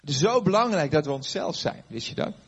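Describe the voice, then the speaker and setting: Older male pastor with a husky voice, chatty storytelling sermon, dull lo-fi recording. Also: a little high, expressive, brisk, fairly bright tone. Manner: conversational storytelling with fillers and questions to the audience. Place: before a live audience.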